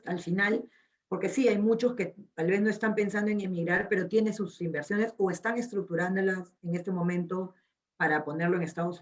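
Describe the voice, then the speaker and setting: Woman moderator on a video call, lowish voice, agreeing and summing things up. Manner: affirming, summarizing. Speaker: webinar moderator. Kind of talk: moderating webinar.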